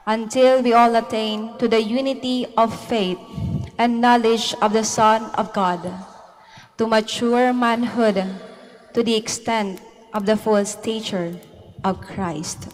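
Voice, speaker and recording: A woman's voice: on the high side, steady tone, takes it slowly. A young woman, a lector reading scripture solemnly and carefully in a church. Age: young adult. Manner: careful, formal phrasing. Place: large church, at the lectern. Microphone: handheld microphone held close. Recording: long church reverb.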